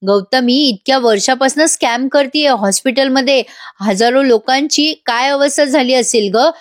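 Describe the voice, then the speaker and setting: A woman's voice: sits high, moderate pace, dry recording, studio quality, lightly acted. A woman voicing an angry, middle-aged doctor father who scolds and pleads with his daughter while retelling a TV serial. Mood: upset.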